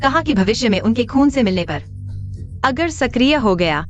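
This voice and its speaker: A woman dubbing a caring young woman in a drama, with a soft, concerned manner. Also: on the high side, lively intonation, moderate pace, dull audio, faint music behind, close to an everyday voice. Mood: tender. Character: gentle, caring young woman, the hero's fiancée. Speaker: dubbing actor. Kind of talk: dubbed drama acting.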